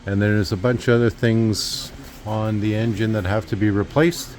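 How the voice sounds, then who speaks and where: A man's voice: fairly low pitch, steady tone, normal speed, a little mellow. A man giving a casual walkthrough of a repair shop, rambling with lots of uhs and restarts. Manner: rambling, filler-heavy, with restarts. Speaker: vlogger giving a shop update.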